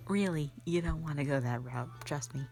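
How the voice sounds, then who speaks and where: In a fantasy roleplay audio drama, a woman plays a magic mentor who is easygoing, flirty and rambling, speaking in a hesitant, offhand way with plenty of asides. The mood is chatty and musing. Her voice is deep, gravelly and a little mellow at a moderate pace, with soft music underneath.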